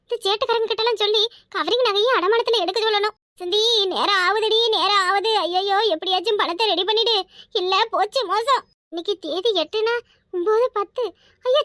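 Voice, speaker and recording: A woman voicing a shrill, frantic cartoon wife. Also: bright, forceful tone, no room sound, clean studio sound. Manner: fretful, wailing monologue. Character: debt-ridden young wife, panicky and scheming. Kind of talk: cartoon voice acting.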